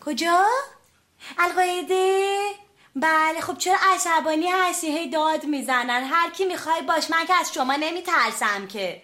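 A chatty, fussy woman with a very high, bright voice. She talks fast and keeps apologizing, in a sitcom way. A faint hiss sits under her voice. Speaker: office secretary. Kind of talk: sitcom comedy acting.

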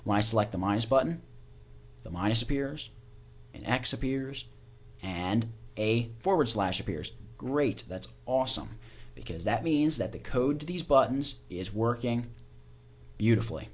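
A man's voice: medium pitch, expressive, normal speed, slightly rough. Guy doing a laid out step by step screencast tutorial, informal, narrates every click as he goes. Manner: informal, talks through each click and keystroke as it is done. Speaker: software tutorial instructor.

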